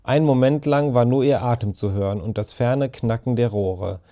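Brief: male audiobook narrator, mellow tone, measured storytelling. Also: medium pitch.

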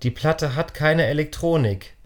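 A man's voice: a little high, unhurried, voice pushed up, natural voice. Man reading as nerdy schoolboy, rational, explaining, matter-of-fact, storybook.

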